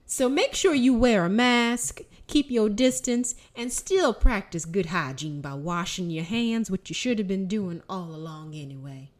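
A woman's voice: medium pitch, expressive, measured pace, hardly any pauses, close to an everyday voice. A woman voicing an older church lady who reads out weekly announcements in a folksy, scolding, emphatic way. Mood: bossy, folksy.

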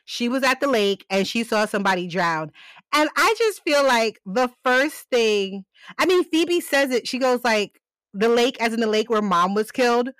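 A woman's voice: fairly high pitch, moderate pace, no echo. A woman, co-hosting a casual podcast and recapping a TV show, often laughing and swearing. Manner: laughs often, profane and animated. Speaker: podcast co-host recapping a TV series. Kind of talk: casual chat.

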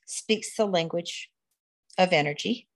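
A woman, an energy instructor, teaching on a podcast in a lively way, laughing and quoting herself. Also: on the low side, a little slow. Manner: animated, laughs, quotes herself in little voices.

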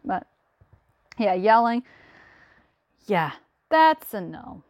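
A woman's voice: mid-range voice, sing-song, drawn-out words, a little mellow, no room sound. A woman hosting a casual podcast chat, talking in a chatty way that repeats itself, with frequent laughs. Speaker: podcast host.

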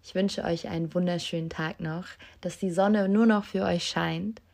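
Young female podcast host, slightly low voice, casual and self-mocking storyteller, basic mic. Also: fairly even intonation, moderate pace, gravelly, darkish tone. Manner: emotional, self-mocking, addresses listeners directly. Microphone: basic non-professional mic.

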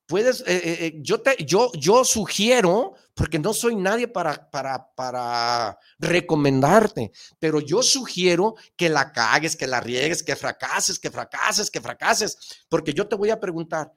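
A man hosting a motivational talk show, speaking emphatically with slangy rhetorical questions and bursts of excitement. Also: on the high side, unhurried, hardly any pauses.

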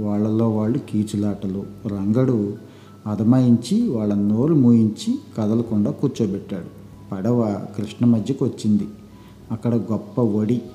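A man narrating a story in an unhurried, measured way. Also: lowish voice, mellow. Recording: echoey room with faint background noise.

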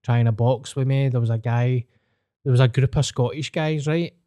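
A man's voice: medium pitch, steady tone, moderate pace, mellow, dry recording. A man with a Glasgow street accent, chatting casually with plenty of slang and swearing. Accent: Glaswegian. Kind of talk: casual chat.

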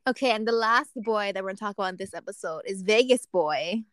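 A woman's voice: mid-range voice, quick pace, a bit bright, no echo. A woman hosting a casual podcast chat, asking teasing questions and steering the talk. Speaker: podcast host.

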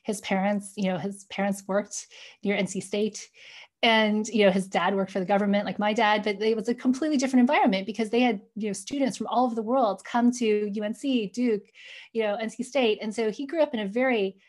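An American woman in her forties, a guest in an interview, earnestly reflects on growing up and often says "you know." Her mid-range voice holds a steady tone and moves fairly quickly through this personal storytelling.

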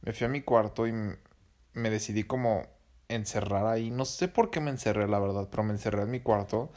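A man's voice: lowish voice, fairly quick, a little mellow. A young man with a Mexican accent telling a personal story in a casual, slangy, profane and rambling way.

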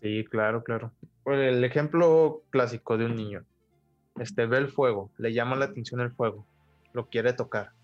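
A man's voice: mid-range voice, normal speed, no room sound, muffled recording, soft background music. A man in casual podcast talk, thoughtful and full of filler words. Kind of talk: casual conversation.

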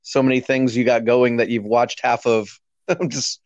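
A man's voice: medium pitch, steady tone, moderate pace, dry recording. A man chatting casually as a podcast guest over a speakerphone call, rambling and restarting his sentences. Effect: heard over a speakerphone call. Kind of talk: casual chat. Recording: dull lo-fi speakerphone line, dry.

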